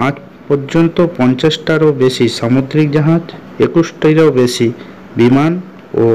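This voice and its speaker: A man hosting a video channel, narrating a scripted explainer in a steady, informative way. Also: a little high, poor audio. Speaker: channel host explaining a mystery.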